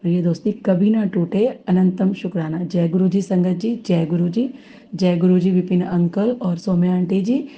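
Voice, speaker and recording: A woman's voice: lowish voice, moderate pace, highs cut off. A woman chanting mantras and repeating her thanks fervently as a devotee.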